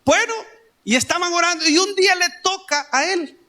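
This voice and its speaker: A man's voice: very high voice, normal speed, pushed and bright. A male pastor with a Salvadoran Spanish accent, preaching a sermon in a conversational way with homely stories and asides. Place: church.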